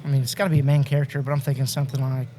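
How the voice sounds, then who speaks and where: A man's voice: medium pitch, flat delivery, very fast, mellow. A man talking casually as a guest on a podcast. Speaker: sales rep, podcast guest. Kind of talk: casual chat. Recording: faint room noise.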